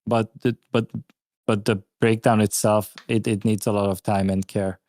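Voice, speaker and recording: A man's voice: on the low side, flat delivery, normal speed, darkish tone, no echo. A man, a guest producer, giving direct, critical feedback on a listener's track with frequent "like" fillers. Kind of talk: live stream track review.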